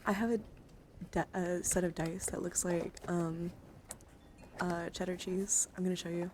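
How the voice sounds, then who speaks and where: In a fairly low, flat, unhurried voice, a streamer hosts a casual live ASMR show-and-tell of her card collection, interacting with chat. She's soft-spoken, often whispering and rambling informally with playful asides. Background noise and handling sounds are clearly audible.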